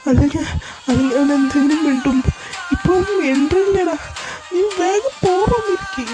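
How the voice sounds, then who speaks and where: An anxious father who urges and worries over his son, as a woman puts him on. The voice is pushed lower than her own but still stays fairly high. It comes from an amateur fan drama. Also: moderate pace, music in the background. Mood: urgent. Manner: anxious, urging.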